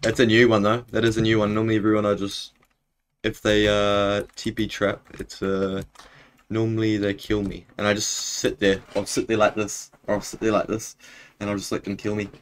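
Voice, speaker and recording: A man's voice: lowish voice, level tone, normal speed, slight background noise. A young man with a broad New Zealand accent, chatting casually and slangily in a laid-back way while streaming a game. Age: young adult. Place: small indoor room at home.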